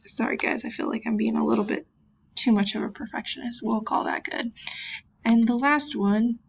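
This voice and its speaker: A woman's voice: on the high side, steady tone, normal speed, gravelly, lo-fi sound, a little hiss or hum. A woman teacher giving a virtual classroom lesson, patiently sounding words out and making chatty, self-deprecating asides. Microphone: computer mic.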